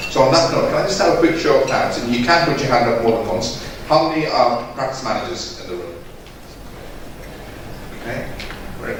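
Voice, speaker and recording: A northern English GP and medical director, appearing as a guest speaker, gives a conference talk to an audience in a lowish voice while recovering from a cold. His style is conversational and interactive, and he asks for a show of hands. A distant camera filmed his handheld mic in a large, dim hotel function room, so the sound is echoey and noisy.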